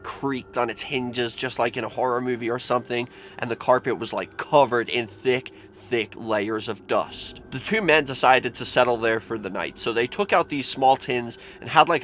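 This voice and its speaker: A man with a mid-pitched voice tells spooky stories as a casual vlogger. His delivery is informal and chatty, peppered with "like". The recording has noticeable noise and ambience behind him. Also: fairly bright tone. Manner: informal, mild swearing, frequent "like". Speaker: vlogger telling scary stories. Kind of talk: casual spoken storytelling. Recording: clearly noisy with background ambience.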